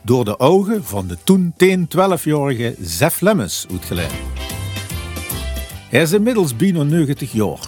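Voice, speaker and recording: Male podcast host and interviewer, broad southern Dutch Limburg accent, lively melody, some faint music. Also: on the high side, a little slow.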